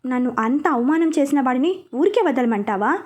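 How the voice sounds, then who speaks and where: A woman's voice: high-pitched, expressive, normal speed. A woman voicing a young wife who talks sharply and stubbornly. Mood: feisty. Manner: sharp, sulky, determined.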